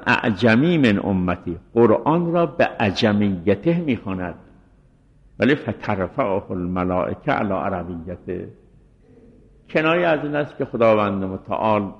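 A middle-aged man giving a measured scholarly lecture on hadith narrators as a seminary teacher, reciting Arabic quotations along the way. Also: fairly low pitch. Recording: muffled recording with long reverb.

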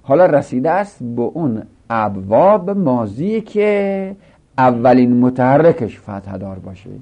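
A man teaching a grammar lesson, explaining a text slowly and repeating example words one after another. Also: mid-range voice, big pitch swings, mellow. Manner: slow, repetitive, drills example words. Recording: dull lo-fi recording.

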